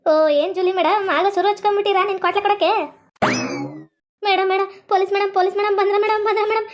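A woman's voice: extremely high pitch, fairly even intonation, rapid-fire. A woman playing a dramatic village woman with a North Karnataka accent, wailing and scolding as she cries for help. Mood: panicked. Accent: North Karnataka Kannada. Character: loud, dramatic village woman locked in a cell.

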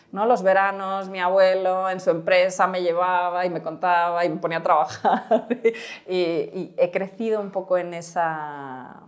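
A woman from Spain with a Spanish accent and a few Mexican expressions, a startup cofounder being interviewed. She rambles a little and keeps adding tag questions and fillers. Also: mid-range voice. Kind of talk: casual interview.

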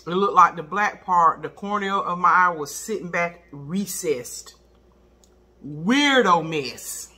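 A middle-aged woman with a very bright, forceful voice, chatting casually over her food. She chews while talking and speaks in a folksy, expressive manner, repeating words for emphasis. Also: lowish voice, unhurried, few pauses. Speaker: mukbang video host. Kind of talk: casual chat while eating.

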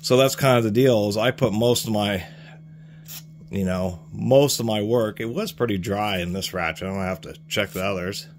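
A man's voice: on the low side, normal speed, slight background noise. A man reviewing hand tools at his workbench in a casual, explanatory way, rambling and restarting his sentences. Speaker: tool reviewer. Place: workshop bench, hands on tools.

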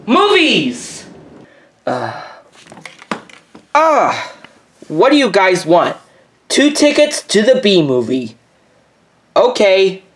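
A woman playfully voicing characters in a homemade toy video, lively and exaggerated. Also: medium pitch, slow, pauses often.

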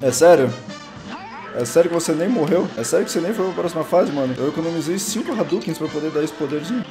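Young brazilian dude yelling through a boss fight, self-mocking, light game music behind. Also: male voice, on the high side, quick pace. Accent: Brazilian Portuguese. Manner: excitable, yelps and exclaims constantly, self-mocking. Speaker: gaming channel host. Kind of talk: live gameplay commentary. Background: faint game music.

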